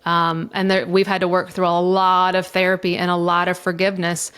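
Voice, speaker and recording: A woman's voice: on the low side, monotone, fairly quick, a bit bright, clear, resonant tone. A middle-aged woman, a divorce coach, talking candidly and emotionally in a podcast interview, swearing freely as she goes. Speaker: divorce coach and mediator guest.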